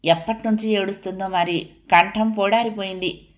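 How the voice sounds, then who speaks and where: A woman reads a gentle young wife and mother in an audio novel, her voice close to the narrator's own. She speaks at a plain middle pitch. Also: fairly even intonation, normal speed, close to an everyday voice. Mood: tender. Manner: tender. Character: gentle eldest daughter-in-law, tender then stern.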